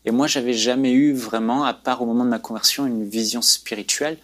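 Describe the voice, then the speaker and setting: A man's voice: medium pitch, steady tone, brisk, a bit bright. Male guest, earnest preacherly storyteller, faith testimony.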